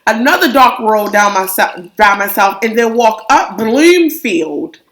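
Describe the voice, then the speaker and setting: A young adult woman co-hosting a casual chat, telling a story with an animated, exaggerated delivery and acted-out quotes. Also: fairly high pitch, a little slow. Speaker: co-host.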